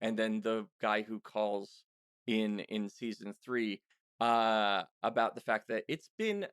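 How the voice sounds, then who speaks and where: A man with a lowish, fairly bright, clear and resonant voice hosts and interviews on a podcast in a casual, conversational way. He's halting, often stopping and restarting as he thinks aloud, and the recording is dry with clean studio sound.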